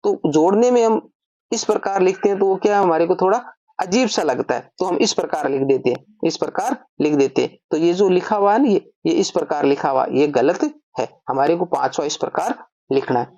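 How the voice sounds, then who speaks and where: A woman's voice: lowish voice, fairly quick, dark tone. A woman teaching an online grammar lesson, explaining step by step and asking and answering her own questions.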